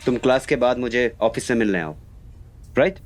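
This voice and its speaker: An actor playing a schoolteacher who coaxes his quiet class with questions. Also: medium pitch, lively intonation, normal speed, over music, natural voice. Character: schoolteacher leading a class revision. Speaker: teacher. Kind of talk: web series acting.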